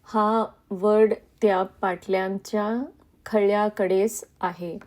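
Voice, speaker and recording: A woman voicing a revered elderly male saint in a spoken devotional reading, giving slow, soothing reassurance. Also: medium pitch, steady tone, darkish tone, lightly acted.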